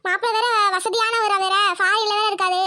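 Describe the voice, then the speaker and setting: A woman's voice: extremely high pitch, steady tone, brisk, pushed and bright, dry recording, clean studio sound. A woman voicing an anxious, devout middle-aged mother in a cartoon who scolds and wails. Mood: fretful. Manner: scolding, wailing and fretful. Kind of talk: cartoon voice acting.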